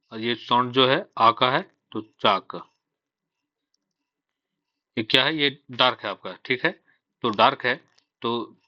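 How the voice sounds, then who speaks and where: A man with a mid-range voice teaches shorthand classroom-style, patiently explaining each step and answering questions he poses to himself. His Hindi is mixed with English terms. The recording is muffled, with no room sound.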